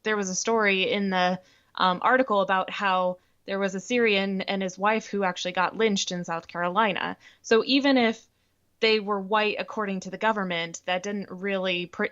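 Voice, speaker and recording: A woman's voice: mid-range voice, steady tone, moderate pace, a bit bright, dull audio. A woman co-hosting a history podcast, making her points earnestly with some hesitations and restarts. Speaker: podcast co-host. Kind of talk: casual history discussion.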